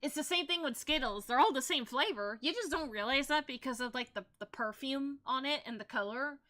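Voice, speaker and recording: A woman's voice: sits high, animated, fairly quick, bright, forceful tone. A young woman streaming as a VTuber, chatting casually while she paints, rambling and laughing often.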